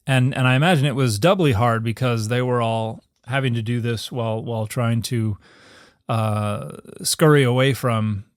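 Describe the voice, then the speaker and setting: A man co-hosting a podcast, explaining things in a relaxed way and slowing down to stress key points. He chuckles often as he talks. His medium-pitched voice is recorded close and dry. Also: clear, resonant tone, no room sound. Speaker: podcast co-host, biblical scholar. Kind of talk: casual conversational podcast chat.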